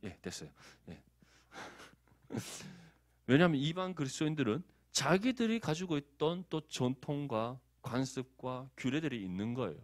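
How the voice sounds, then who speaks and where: Animated male pastor preaching. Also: a little high, no echo, studio quality. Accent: Gyeongsang. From Daegu, South Korea. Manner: conversational, animated, asks the congregation for agreement. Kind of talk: sermon.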